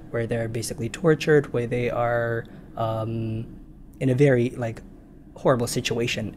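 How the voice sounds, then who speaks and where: A young man, born in Kenya and raised in Minnesota, gives an earnest, measured documentary interview about his own life. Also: mid-range voice, noisy background. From born in Kenya, raised in Minnesota, United States. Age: young adult. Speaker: interviewee telling his personal story. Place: indoor room with a lamp, seated. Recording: clear music bed underneath.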